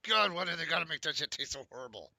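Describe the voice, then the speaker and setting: A man streaming a card game live, muttering casual commentary to himself as he plays, with a sore, squeaky throat. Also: vocal fry, pushed and bright, no room sound.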